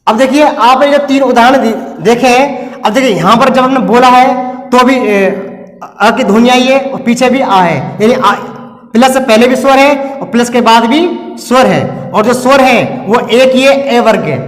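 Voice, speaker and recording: A man's voice: extremely high pitch, normal speed. A male teacher giving a classroom lesson at a board. He asks questions and answers them himself, repeating each step. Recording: echoey, roomy classroom.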